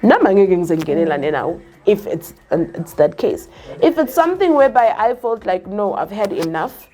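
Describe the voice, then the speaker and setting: A woman's voice: mid-range voice, very animated, brisk, mellow. A young South African woman with a Zulu-tinged accent, talking earnestly in a casual chat and switching between English and Zulu. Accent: South African, Zulu-speaking.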